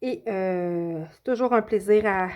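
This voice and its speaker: A woman's voice: mid-range voice, a little slow, darkish tone. A woman casually showing her finished coloring pages, hesitating often and correcting herself. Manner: hesitant, many filler sounds and self-corrections. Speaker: coloring channel host.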